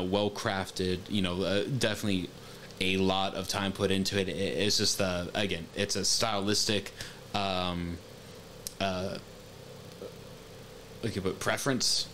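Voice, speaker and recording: A man's voice: deep voice, fairly bright tone, slight background noise. A man on a webcam stream reacting to a games showcase in casual, hesitant talk full of fillers and restarts. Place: home room, seated at webcam.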